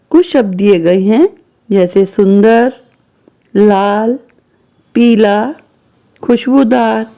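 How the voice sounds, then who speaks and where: A woman's voice: medium pitch, warm tone. A woman teacher patiently taking young pupils through workbook answers, reading out each word one at a time. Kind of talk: slow classroom exercise walkthrough.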